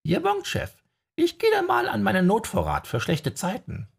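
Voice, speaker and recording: A man voicing a goofy male friend in a very high, squeaky voice, read as an audiobook. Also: huge pitch swings, normal speed, creaky, husky, heavily acted.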